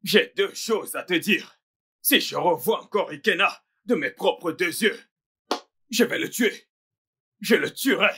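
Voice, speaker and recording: A man's voice: high-pitched, expressive, a little slow, pauses often, sharp tone, breathy edge, heavily acted. A man dubbing a vain young fashion designer who rants and vows revenge, in a French film dub. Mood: outraged. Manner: boastful, ranting threats.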